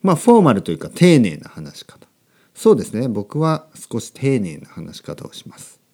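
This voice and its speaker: A man in his thirties hosting a podcast for language learners, speaking slowly and simply and repeating key phrases. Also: mid-range voice, wildly swooping pitch, dark tone. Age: 30s. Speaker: podcast host teaching Japanese. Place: recorded at night.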